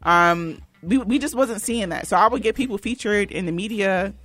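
A woman's voice: medium pitch, normal speed, a bit bright, no room sound. A young adult woman talks as a guest on a radio show about her work in PR. Her speech is loose and conversational, with a mid-range voice and frequent restarts. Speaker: PR consultant, interview guest. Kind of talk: casual interview talk.

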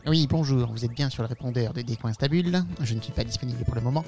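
A man's voice: medium pitch, fast, a little mellow, soft background music. A man's polite, formal answering machine greeting, played back from the device. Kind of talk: recorded voicemail greeting.

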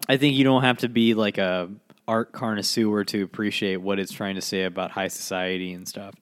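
A man co-hosting a podcast, talking about films in an easygoing, halting way with many fillers. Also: on the low side, steady tone. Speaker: podcast co-host. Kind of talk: casual chat.

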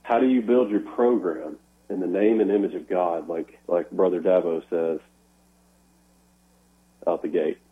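A low, husky male voice comes through over the phone, thin and tinny as a bad cell connection cuts in and out. He talks slowly and haltingly, doubling back on words as he makes his point to the host. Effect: over the phone, breaking up on a bad cell line. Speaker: radio show caller. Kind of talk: sports talk radio call-in.

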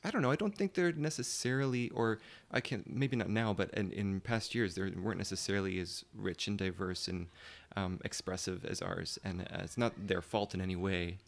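A theatre guest with a fairly low voice speaks in a casual panel discussion, sounding brisk and creaky with hardly any pauses. He is careful and diplomatic, often hesitating and rephrasing as he searches for the right words.

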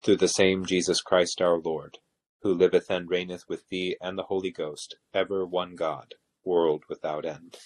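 A man leading evening prayer as officiant, reciting liturgy in a solemn, measured way. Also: deep voice, level tone, a little mellow.

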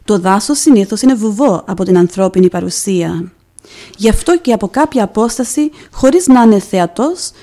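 A woman presenting a religious podcast, reading a devotional story and reflection in a measured, solemn way. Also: mid-range voice, warm tone. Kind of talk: scripted devotional narration.

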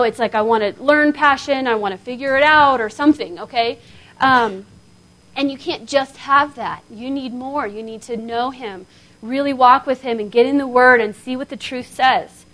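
Woman, 30s, high voice, casual animated seminar preacher. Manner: animated, conversational, frequent "okay?" checks. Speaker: seminar speaker. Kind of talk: sermon-style talk. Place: seminar hall before an audience.

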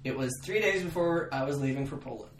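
A man's voice: a little high, fast talker, echoey room, distant mic, slight background noise. A young adult man hosting a podcast, telling stories about his youth in a self-mocking, laughing way. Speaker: podcast host. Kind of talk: casual storytelling chat.

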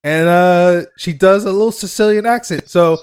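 A man recapping a TV episode on a podcast, slightly higher-pitched than most men. He rambles, swears casually, and laughs his way through the story. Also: normal speed, darkish tone, clear, resonant tone. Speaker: podcast host. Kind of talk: casual chat recapping a TV show.

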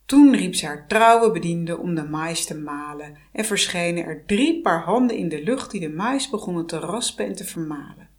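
A woman reading a fairy tale aloud as a storyteller, in an expressive way. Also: on the low side, moderate pace, hardly any pauses.

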